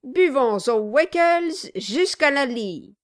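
A woman voicing a boisterous, mocking male dwarf who drinks hard, loud and goading. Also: high-pitched, fairly even intonation, normal speed, no room sound, clean studio sound, pitched above the performer's own voice. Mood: rowdy toasting. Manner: loud, rowdy and goading, with cackling laughter.

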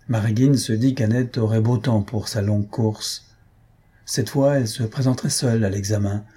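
Male narrator for a novel reading: deeply husky, warm-dark, steady and measured. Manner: measured, even storytelling. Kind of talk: audiobook narration.

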